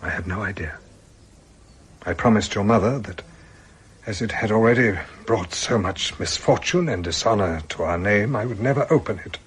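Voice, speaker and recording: A male actor with a lowish voice portrays an elderly, sickly British army colonel in a radio drama, his formal, halting speech husky, breathy, remorseful, and sombre.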